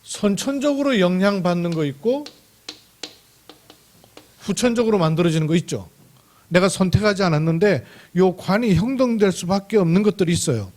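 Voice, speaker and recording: Animated high-pitched pastor preaching. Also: male voice. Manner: emphatic, repetitive preaching with drawn-out key words. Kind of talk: sermon. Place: church sanctuary.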